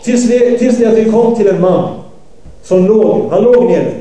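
A man's voice: sits high, sing-song, warm tone, roomy sound, poor audio. En man som återberättar en hadith i en predikan, översätter direkt och rättar sig själv medan han berättar. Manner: translating and retelling as he goes, self-correcting. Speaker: preacher. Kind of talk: sermon retelling a hadith.

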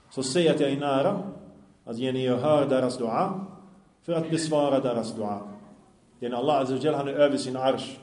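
An Islamic lecturer with a mellow, medium-pitched voice gives an earnest religious lecture, frequently putting questions to his listeners. The sound is roomy.

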